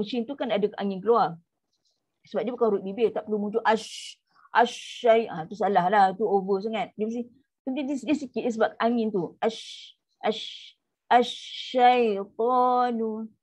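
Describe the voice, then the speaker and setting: A woman with a Malaysian Malay accent teaching an online tajwid class, stretching out the demonstration syllables between quick explanations. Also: on the high side, dark tone. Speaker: Quran recitation teacher. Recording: muffled lo-fi audio.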